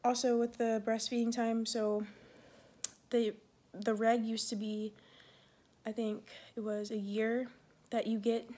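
A pregnant woman in her twenties who serves in the Air Force chats casually in a rambling vlog, using many fillers and sounding a little short of breath. Her voice is a little high and warm, slow-paced with little pitch movement.

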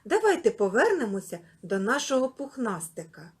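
A kindergarten teacher, a woman, giving a literacy lesson to small children in a lively, sing-song way. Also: fairly high pitch, moderate pace, husky.

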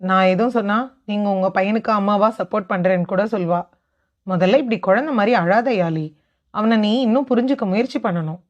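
A woman's voice: mid-range voice, brisk, lightly acted. Middle-aged mother-in-law, firm and matter-of-fact, voiced by a woman narrator; storybook audio, dull sound.

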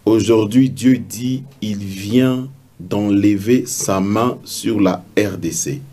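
A middle-aged man delivers a solemn prophetic address in halting, deliberate phrases. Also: lowish voice, dark tone, slight background noise.

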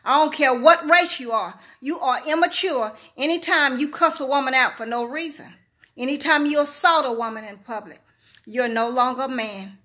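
A woman's voice: high-pitched, normal speed, bright, forceful tone. A middle-aged woman vlogger speaking straight to her viewers in a preachy, repetitive monologue. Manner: preachy, repeats herself, talks straight to viewers. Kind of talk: casual monologue to camera.

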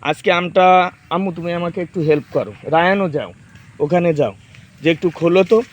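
A slightly high male voice at a moderate pace. It's a Bangladeshi farming vlogger in his thirties, chatting casually in his garden while he shows fruit and gives his children directions.

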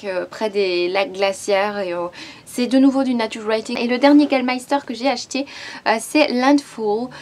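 Chatty woman, slightly high voice. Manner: chatty and hesitant, with frequent fillers. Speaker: book vlogger. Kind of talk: casual book haul chat.

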